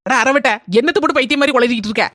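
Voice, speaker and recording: A woman's voice: high voice, a bit bright, no echo, studio quality. A woman voicing a cheeky young village woman neighbour in a cartoon, teasing in Kanyakumari Tamil. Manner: teasing, quick-witted.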